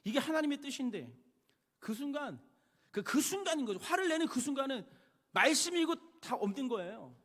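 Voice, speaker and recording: A male pastor giving a sermon, telling personal stories with animated swings between hushed and loud delivery. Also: very high voice, normal speed. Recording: long hall reverb.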